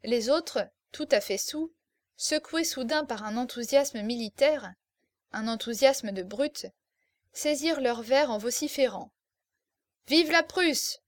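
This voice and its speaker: A woman's voice: a little high, no room sound. Woman narrating a classic tale, dry sound. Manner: measured, dramatic reading. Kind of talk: audiobook reading of classic fiction.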